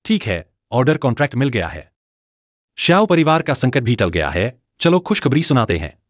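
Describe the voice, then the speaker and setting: A young man playing a calm, reassuring hero in a dubbed drama. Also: medium pitch, normal speed, no room sound, muffled recording. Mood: gentle.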